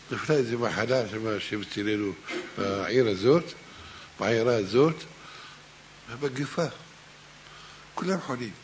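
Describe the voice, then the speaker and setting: A man preaching a Torah sermon and telling a parable, swinging between hushed and raised delivery, addressing his listeners directly. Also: medium pitch, slight background noise.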